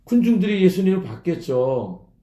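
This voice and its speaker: A man's voice: high voice, big pitch swings, normal speed, mellow. A male pastor giving an early-morning sermon in a conversational way, sometimes acting out mocking voices. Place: church. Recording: echoey church room.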